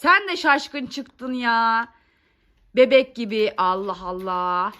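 A mother speaks in a high, bright voice, coaxing and playfully scolding her small children. Her talk is casual and homey, the kind used in a family vlog. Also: slow pace. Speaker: mother filming her kids.

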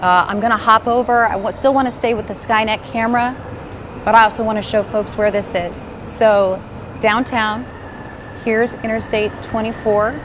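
A woman gives live severe-weather commentary as a TV meteorologist. She explains with urgency, talking over sirens, and there is clear noise behind her voice. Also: on the high side, fairly even intonation, moderate pace. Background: tornado sirens and noise.

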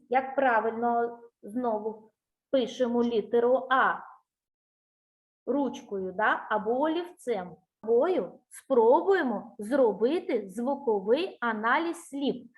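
A woman teaching a child in a one-on-one speech lesson. Her voice sits high, and she talks slowly and deliberately. She is patient and encouraging, asks question after question, and sings out vowel sounds clearly to show them.

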